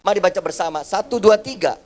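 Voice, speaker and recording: A man's voice: high voice, fast talker, a little mellow. A man pastor preaching a sermon to his congregation, calling them "brothers and sisters" and acting out the voices of people in his stories. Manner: addresses the congregation as "saudara" often, acts out quoted family voices. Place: church service.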